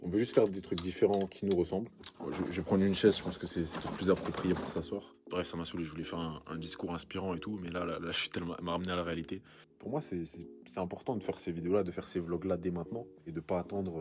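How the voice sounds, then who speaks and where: Fast-talking young man. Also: low voice, steady tone. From France. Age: 20s. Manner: slangy, rambling, self-mocking. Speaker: clothing shop owner, vlogger. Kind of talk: casual vlog talk and banter.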